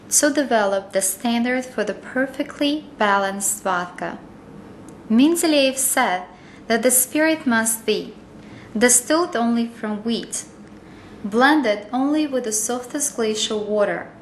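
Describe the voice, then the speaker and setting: Slow, higher-pitched woman narrating training. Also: reverberant, slight background noise. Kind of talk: scripted corporate training narration.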